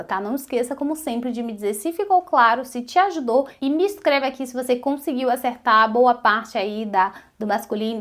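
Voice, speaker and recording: Woman teaching French, slightly high voice. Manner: slow, carefully repeated French examples between casual Portuguese explanations. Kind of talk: online language lesson.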